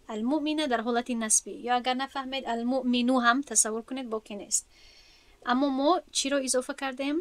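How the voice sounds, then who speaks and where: Tajik woman, grammar teacher, fairly high voice, patient questioning delivery, dry close recording. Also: no room sound. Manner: patient, asks the class questions and answers them. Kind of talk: explanatory lesson.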